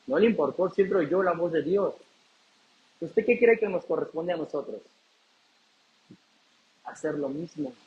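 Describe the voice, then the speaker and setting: A man's voice: fairly high pitch, unhurried, long pauses, lo-fi sound. A man preaching a sermon as pastor, asking the congregation questions and answering them himself.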